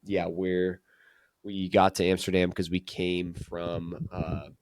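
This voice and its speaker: A man's voice: sits low, flat delivery, slow pace, darkish tone, dry recording, studio quality. A man hosting a podcast, telling travel stories in a casual, chatty way and laughing often. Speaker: podcast host.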